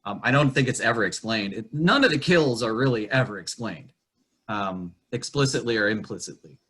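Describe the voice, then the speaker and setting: A man with a bright, forward voice chats loosely on a podcast, circling back with fillers and the odd swear. He is recorded over an online call. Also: medium pitch, expressive, normal speed, breathy edge. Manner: rambling, crude, with many fillers. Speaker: podcast host. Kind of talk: casual chat. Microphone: remote call recording.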